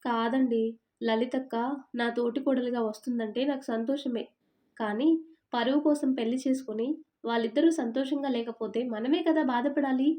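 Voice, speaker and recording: A woman's voice: on the high side, steady tone, normal speed, mellow, lightly acted. A woman voicing a stubborn, suspicious young woman who fires off accusing questions.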